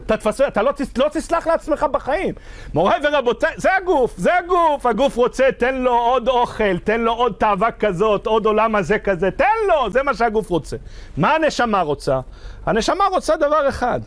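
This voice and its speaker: A man with a high, bright voice preaches a Torah lecture as a rabbi, lively and full of questions to his listener. He slows down to lean on key words. The sound is close and dry, with no room around him. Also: no echo. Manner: animated, rhetorical questions to the listener; slows down to stress verses.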